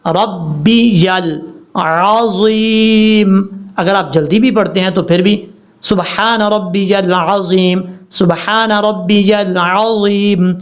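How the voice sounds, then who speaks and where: A man teaching a recitation lesson step by step, stretching out each word slowly to show the correct pronunciation. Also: high voice, muffled recording. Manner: slow drawn-out demonstration of each word. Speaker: religious teacher.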